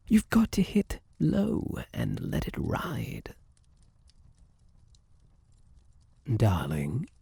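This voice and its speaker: A man's voice: medium pitch, vocal fry, darkish tone, slightly rough, no room sound, exaggerated voice. A man playing a suave, possessive luck spirit in an ASMR roleplay, flirtatious and theatrical, teasing and coaxing with pet names, close on the mic. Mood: amorous, insistent.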